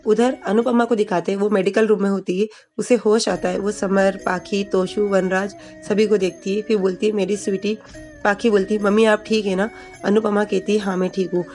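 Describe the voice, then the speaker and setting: Telling the story of a TV serial episode, this female narrator keeps things casual and plain, reading out the characters' dialogue without acting it. Her mid-range voice is flat and a little mellow, at a normal speed, with faint music in the background.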